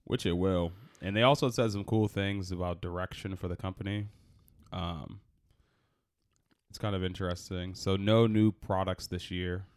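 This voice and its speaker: Podcast co-host, man, deep voice, lively casual banter that turns animated. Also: normal speed, smooth. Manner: animated, laughing, rising pitch when excited. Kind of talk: casual chat. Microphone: headphones and studio mic.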